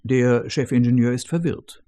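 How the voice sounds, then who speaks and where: A man reading a story aloud in an expressive, dramatic narrating style. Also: mid-range voice, normal speed.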